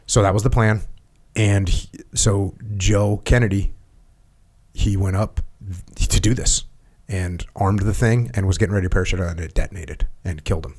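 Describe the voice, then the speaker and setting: Speaking at a normal speed in a low, slightly mellow voice, this middle-aged podcast host conducts a relaxed, conversational interview. He tells a story in plain terms and asks pointed, probing questions.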